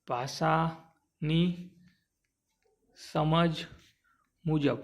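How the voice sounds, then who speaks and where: A man teaching an exam-prep grammar lesson, drawing sounds out slowly and asking and answering his own questions. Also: a little high, creaky, fairly bright tone.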